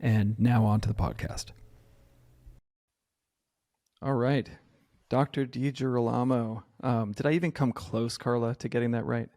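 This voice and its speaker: A man hosting a podcast interview in a relaxed, easygoing way, with frequent ums. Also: medium pitch, moderate pace. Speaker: podcast host and physician. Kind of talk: casual interview conversation.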